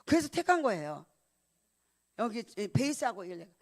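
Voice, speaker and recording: A woman's voice: on the high side, big pitch swings, moderate pace. Woman pastor preaching with emotion. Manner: emotional storytelling, swings from loud emphatic calls to hushed near-whispers. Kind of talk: sermon.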